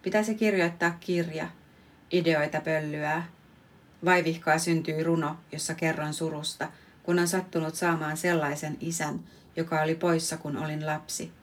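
Woman, 30s, podcast host; low, even delivery for a measured, reflective poetry reading. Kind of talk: reading her own prose poem.

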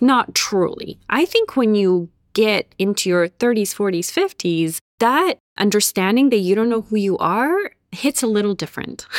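A woman with a mid-range voice speaks as an interview guest, recorded at studio quality with no echo. Born in Bosnia, she was raised in Serbia and Canada, and she works as an author and therapist. Her manner is articulate, reflective and conversational, and she often illustrates her points with everyday examples.

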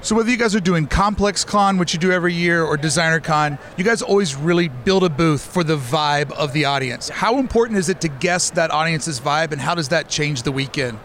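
Male podcast host, friendly convention interviewer, slightly high voice, light street noise. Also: a little fast, few pauses, fairly bright tone. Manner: friendly, talkative, scripted intros.

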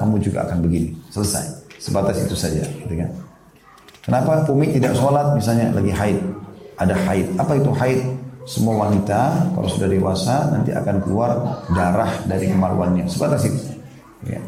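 A man's voice: lowish voice, mellow, echoey room, slight background noise. A male Islamic preacher giving a conversational lecture to parents, raising his voice to act out children's and parents' questions.

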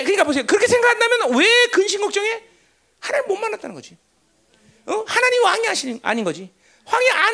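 A woman pastor preaching a sermon in a lively, conversational way, joking with the congregation and often asking them "right?". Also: sits high.

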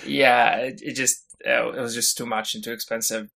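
A man from Syria, head of engineering and a guest on a podcast, tells stories in a casual interview, chatty and full of fillers and restarts. His mid-range voice has little pitch movement and a normal speed, sounding creaky, pushed, and bright.

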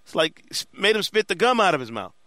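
Bright, animated sportswriter man. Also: sits high, fast talker, no room sound. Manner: animated, slangy storyteller. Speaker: sportswriter and co-host. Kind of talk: casual sports chat.

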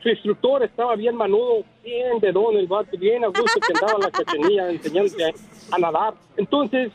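A man's voice: extremely high pitch, sing-song, fairly quick, vocal fry, a loud crowd, low-quality recording. A man calling into a radio show to tell a joke in chatty slang. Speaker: caller. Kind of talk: telling a joke on air.

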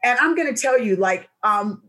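A woman hosting an interview show, talking in a lively, effusive way. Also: a little high, moderate pace. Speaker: talk show host.

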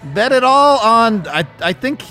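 High-pitched man hosting a sports podcast. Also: very animated, a little slow, bright, forceful tone, soft background music. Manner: jokey, loose, conversational. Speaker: podcast host. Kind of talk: casual sports podcast banter with ad reads.

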